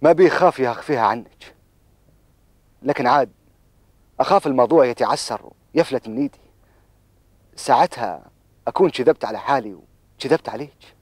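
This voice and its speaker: Man playing young Bedouin lover, Bedouin Arabic accent, medium pitch, dry sound, earnest, hesitant, television drama. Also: fairly quick, long pauses, dry recording, close to an everyday voice. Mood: troubled.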